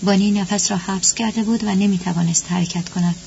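A woman narrating a story at a steady, even pace. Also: medium pitch, creaky. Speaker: audiobook narrator. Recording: dull lo-fi with faint hum.

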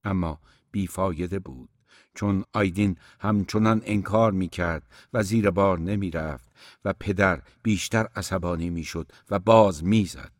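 Man, audiobook narration, measured storytelling, low voice, dry close sound. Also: no room sound. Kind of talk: scripted narration of a novel.

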